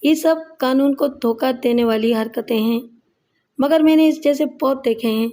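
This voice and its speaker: A woman's voice: high voice, warm tone, natural voice. A woman voicing a stern, scornful male police inspector who barks orders and scolds in a commanding tone.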